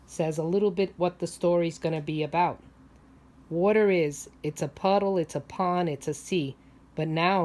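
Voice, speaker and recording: Reading a picture book to a group of little kids, this female preschool teacher speaks in a somewhat low, slightly mellow voice. She keeps her explanations simple, poses questions and draws out important words.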